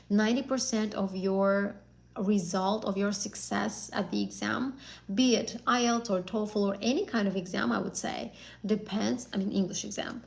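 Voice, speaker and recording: A young woman from Azerbaijan, Azerbaijani by first language, answers viewers' questions live as an English exam tutor. Her mid-range voice is gravelly. She is talkative, full of fillers, and restates things often.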